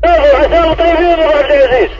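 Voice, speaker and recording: A man with a Saudi Najdi Bedouin accent coordinating over a two-way radio, briskly giving and repeating instructions. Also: very high-pitched, fairly even intonation. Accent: Saudi Najdi Bedouin Arabic. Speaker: search team radio coordinator. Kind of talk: radio dispatch chatter. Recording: muffled two-way radio sound.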